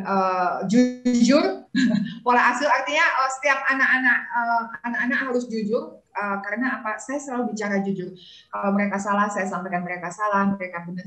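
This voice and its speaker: A woman's voice: medium pitch, a bit bright. A middle-aged woman speaking as a parenting motivator on a talk show, telling family stories with frequent "eh" fillers and small chuckles, heard over a video call. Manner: anecdotal, frequent "eh" fillers, chuckles mid-sentence. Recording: roomy video-call audio.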